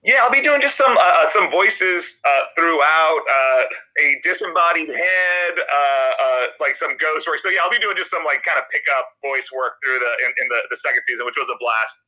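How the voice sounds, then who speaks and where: A TV comedy writer in his thirties chats casually as a podcast guest, his nasal, very bright voice sitting a bit high. He's expressive but halting, stumbling through fillers and often restarting sentences. The audio is poor, with a radio-like quality.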